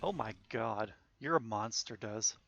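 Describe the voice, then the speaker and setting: A man's voice: on the low side, a little slow, fairly bright tone. A man streaming a game, chatting casually in a playful, exclamatory way with friends and viewers. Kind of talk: casual gaming chat.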